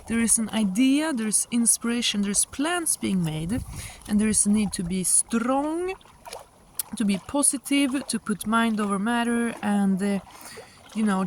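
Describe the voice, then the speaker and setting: Casting: female tarot reader, casual and halting, musing delivery, mid pitch, recorded outdoors with light water noise. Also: darkish tone. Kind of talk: casual spoken tarot reading. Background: sound of moving water.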